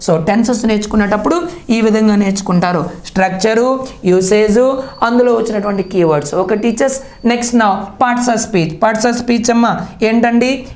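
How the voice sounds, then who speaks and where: A woman's voice: a little high, a little mellow. A woman with a Telangana Telugu accent teaching an exam-prep grammar lesson, asking questions and answering them herself, often checking with "okay?". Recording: roomy classroom echo.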